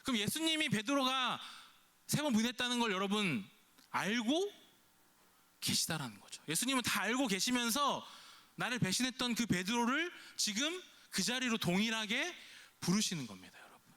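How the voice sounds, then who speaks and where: A man's voice: very high-pitched, sing-song, normal speed, sharp tone. A male pastor giving a youth service sermon, chatty and questioning, often quoting imagined speech in character. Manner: conversational preaching, keeps asking the congregation questions; acts out imagined lines in a quoted voice.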